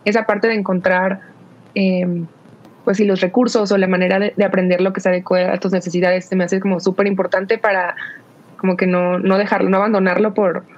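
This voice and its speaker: A woman's voice: medium pitch, level tone, brisk, a little mellow. A woman talking casually in a podcast discussion, hesitant, with many restarts and fillers. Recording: dull lo-fi sound.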